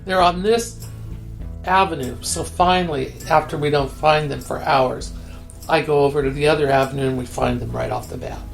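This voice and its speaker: A woman's voice: deep voice, normal speed, gravelly, soft background music. An older woman being interviewed, telling a story candidly and acting out the quoted dialogue. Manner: animated, acts out quoted dialogue.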